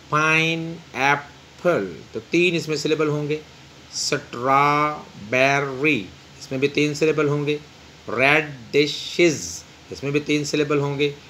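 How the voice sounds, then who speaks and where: Slow, deliberate male teacher. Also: a little high, slight background noise. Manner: reads English slowly, then explains quickly in Urdu with frequent "uh" pauses. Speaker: English teacher. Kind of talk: textbook reading and translation lesson.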